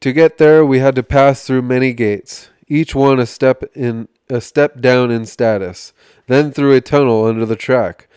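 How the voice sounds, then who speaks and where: Smooth-voiced man reading aloud. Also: medium pitch, a little mellow, no echo, clean studio sound. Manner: measured reading with small slips and restarts. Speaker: podcast host reading aloud.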